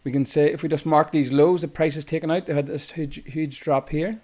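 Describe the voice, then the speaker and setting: A man's voice: a little high, fairly even intonation, a little fast, a little mellow. A man with an Irish accent, walking through a chart tutorial as a trading instructor in a loose, explanatory way, often correcting himself mid-sentence. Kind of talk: screen-recorded chart tutorial.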